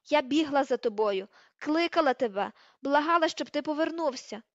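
Brief: woman narrator doing a fierce teen witch girl, high shrill scolding shouts, dry slightly dull recording. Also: animated, moderate pace, dry recording. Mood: furious shouting. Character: furious teenage girl witch, fierce and sharp-tongued.

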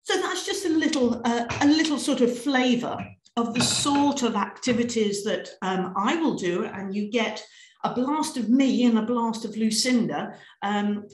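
A British woman leading a piano teachers' webinar, lively and encouraging, singing and chanting rhythms as she demonstrates. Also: on the high side, roomy sound.

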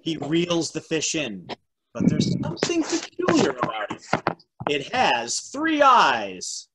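A forties American host narrates a table read from a room in his home, reading stage directions and trivia over video. He speaks slowly in a fairly high voice with huge swings in pitch. The call is noisy with clicks, the computer mic at arm's length.

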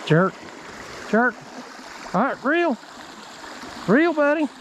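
Encouraging fishing guide by a creek. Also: male voice, very high voice, very animated, slow pace, noisy background. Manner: encouraging, gives short repeated instructions. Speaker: fishing bait company host. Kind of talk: outdoor fishing vlog coaching. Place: outdoors by a creek. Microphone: body-worn action camera. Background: running stream water.

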